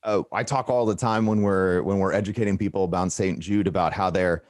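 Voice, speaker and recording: A man interviewing a guest, enthusiastic and a little halting with restarts. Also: sits low, steady tone, no room sound, studio quality.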